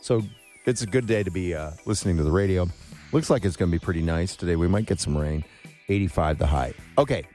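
A man's voice: deep voice, fast, mellow, faint music behind. A man hosting a morning radio show, moving between upbeat announcements and casual banter in a radio studio. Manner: morning show host delivery.

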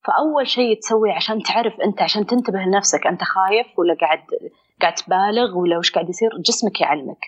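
Fast-talking husky Saudi woman. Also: mid-range voice, dull audio. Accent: Saudi Arabic. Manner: expressive, acts out inner dialogue. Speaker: psychologist guest. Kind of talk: conversational explanation.

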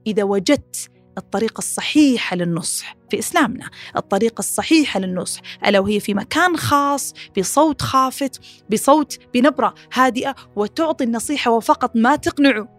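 A woman hosting a podcast, giving casual advice, animated and repeating phrases as she talks. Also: soft background music. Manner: animated, acts out quoted critics in a higher voice; rapid, repeats phrases, many fillers. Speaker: podcast host.

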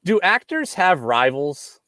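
A man's voice: high-pitched, big pitch swings, takes it slowly, sharp tone, dry recording, studio quality. A man hosting a casual radio interview who asks curious, playful questions. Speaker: radio host.

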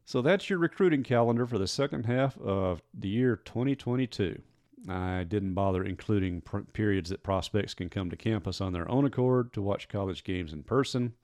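A man talks recruiting news on his solo podcast, wry and easygoing. His voice sits on the low side. The sound is close and dry, with no room behind it. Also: normal speed, a little mellow, no room sound. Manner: wry, conversational, self-mocking asides. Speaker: sports beat reporter and podcast host.

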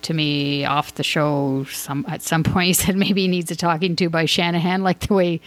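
A woman talking casually as a sports podcast host, rambling and thinking out loud as she gives her opinions. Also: deep voice, steady tone, normal speed. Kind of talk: casual hockey commentary.

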